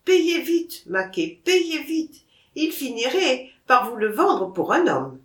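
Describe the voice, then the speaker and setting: A woman's voice: a little high, big pitch swings, a little slow, a bit bright, reverberant. A woman reading as a mocking young man. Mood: teasing. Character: teasing young man mocking his father.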